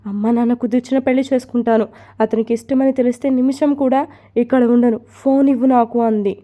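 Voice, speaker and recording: A woman's voice: a little high, steady tone, a little fast, mellow, highs cut off, natural voice. A woman voicing an upset young woman who protests against a forced marriage. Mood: protesting. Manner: protesting, pleading.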